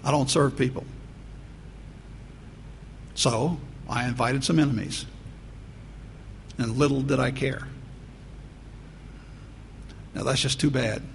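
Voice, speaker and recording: A pastor with a medium-pitched, gravelly voice preaches a sermon in a conversational style, repeating phrases for emphasis. The church recording has a long reverb and faint noise.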